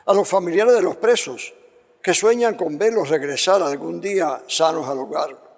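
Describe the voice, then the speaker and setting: A man leading solemn liturgical prayer as a priest, measured and reverent, with cathedral echo. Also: fairly high pitch. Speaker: priest presiding at Mass. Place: large church, amplified.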